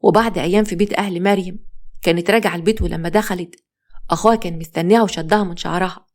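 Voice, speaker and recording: A woman with an Egyptian accent narrating a dramatic story in a brisk, even way. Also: lowish voice. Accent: Egyptian Arabic.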